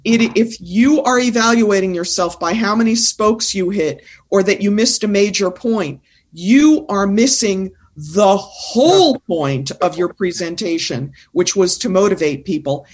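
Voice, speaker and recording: Woman, presentation coach, mid-pitch, emphatic and insistent, podcast guest. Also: lively intonation, a little slow. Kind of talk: casual interview conversation.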